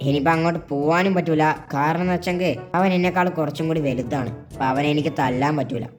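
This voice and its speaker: A sly boy rival with magic tricks, put on by a woman in a game role-play. The voice drops low and soft, muttering plans with quiet chuckles, while faint music plays behind. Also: fast, natural voice. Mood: scheming. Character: scheming boy rival who does magic.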